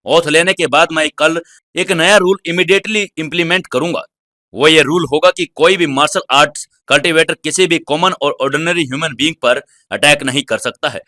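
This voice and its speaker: A man's voice: a little high, sharp tone, no room sound. A male narrator voicing a firm, authoritative martial arts alliance president.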